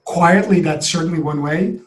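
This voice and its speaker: A man's voice: a little high, moderate pace. A man talking earnestly and expansively as a podcast guest, building his ideas with examples in a reflective conversation. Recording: roomy echo.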